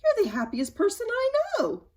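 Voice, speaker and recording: A woman voicing a cheerful chatty little man in a storybook, raising her voice bright and eager. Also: extremely high pitch, huge pitch swings, normal speed, pitched above the performer's own voice, heavily acted.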